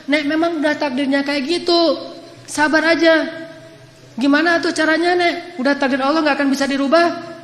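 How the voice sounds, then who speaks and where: A man voicing a patient prophet who gently tells an old woman to accept her fate, in a sermon's story. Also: very high-pitched, steady tone, moderate pace, reverberant, in a large hall, voice pushed up.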